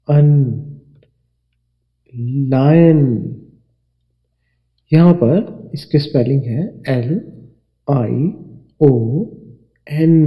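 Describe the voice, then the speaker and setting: A man teaching English spelling to Urdu speakers, spelling out each letter and repeating every word slowly. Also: medium pitch, mellow, low-quality recording. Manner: slow and deliberate, spells out letters and repeats words. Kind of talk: slow spelling lesson narration.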